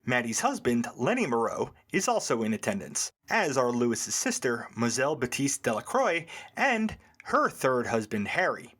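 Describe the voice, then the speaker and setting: Man, podcast co-host, reads his scripted film recap with a lively pitch and a dry, joking edge. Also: moderate pace, hardly any pauses, slightly rough. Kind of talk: scripted plot recap in casual podcast talk.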